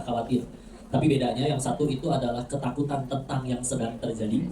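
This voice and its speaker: Male preacher, mellow tone, conversational and playful lecture style, roomy distant hall sound. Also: mid-range voice, a little hiss or hum. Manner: conversational, asks the crowd questions, frequent "ya". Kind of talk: lively religious lecture with jokes and audience questions. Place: mosque hall. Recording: echoey hall, mic heard from a distance.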